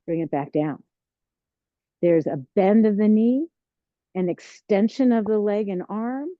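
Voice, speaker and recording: A woman teaching a tai chi class, giving serene, encouraging, unhurried movement cues. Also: medium pitch. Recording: roomy, dull lo-fi sound.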